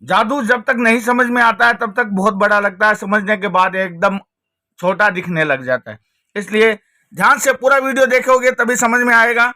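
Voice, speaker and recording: A man's voice: high voice, normal speed, sharp tone, dry recording, clean studio sound. A man presenting a card trick tutorial, explaining it step by step with repeated rhetorical questions. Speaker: magic trick teacher and presenter.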